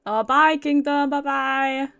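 Over game music, a British game streamer chats playfully to herself while playing, reading the dialogue out loud, giggling, and swearing a little. Her voice sits high and sounds gravelly yet a bit bright, with a steady tone and slow pace.

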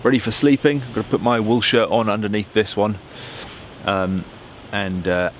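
A man's voice: fairly low pitch, steady tone, moderate pace, a little hiss or hum. A man in his forties with an English accent, tired and self-deprecating, talking to camera while working outdoors in a woodland at night. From England. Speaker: bushcraft vlogger. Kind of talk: casual narration to camera. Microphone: camera mic, close framing.

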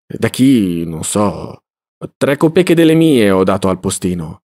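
Teasing, giggly peasant maid as a male reader puts her on, low and homely. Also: very animated, measured pace, dark tone. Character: chatty peasant housemaid, young woman, giggly.

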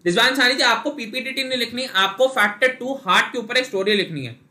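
Speaking fast in an extremely high-pitched, sharp voice, a young Indian SSB interview coach runs a live online class. He explains things patiently and addresses viewers by name.

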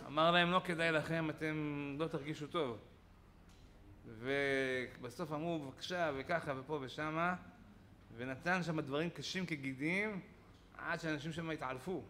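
A man, a rabbi giving a Torah lesson in a study hall, telling stories with lively acted-out quotes. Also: fairly high pitch, a little hiss or hum. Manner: animated storytelling with acted-out quotes.

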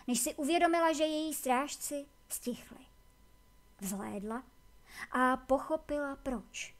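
A woman narrating a fantasy novel aloud in a measured, deliberate reading. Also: high voice. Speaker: audiobook reader. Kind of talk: scripted narration.

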